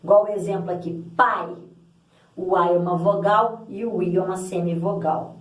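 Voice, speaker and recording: A Portuguese language teacher with a lowish, steady voice at normal speed teaches a grammar lesson, patiently explaining and repeating example words aloud for emphasis. She sounds distant, in an echoey room.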